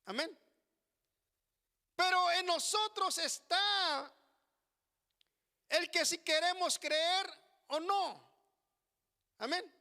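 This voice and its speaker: A man preaching a sermon in a church, addressing the congregation as brothers with slow, drawn-out phrases. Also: very high-pitched, sharp tone, big-room sound. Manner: slow, drawn-out preaching with frequent "hermano" asides. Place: church hall.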